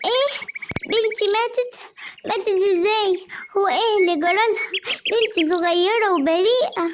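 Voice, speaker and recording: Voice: very high voice, moderate pace, muffled recording. A performer voicing an anxious, grief-stricken mother gazelle in a cartoon, with an Egyptian accent and a lamenting, pleading way of speaking. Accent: Egyptian Arabic. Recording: clear background noise.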